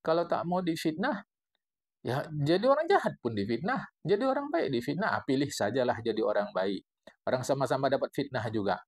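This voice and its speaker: A man with a Medan Malay accent teaching a classical religious text, explaining it in a lively, digressive way with playful wordplay. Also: mid-range voice, brisk. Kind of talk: classical Islamic text study lesson.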